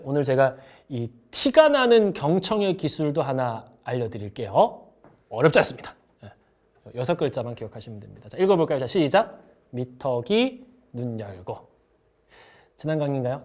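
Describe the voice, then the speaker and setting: Man, middle-aged, sales instructor, online lecture, slightly high voice, very lively pitch, acts out dialogues. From South Korea. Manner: animated, acts out little dialogues to teach.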